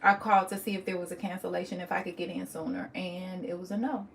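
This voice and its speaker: A woman's voice: lowish voice, level tone, quick pace, vocal fry, a little hiss or hum. A young woman telling a personal story on her vlog, emotional and candid, often restarting her sentences. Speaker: vlogger.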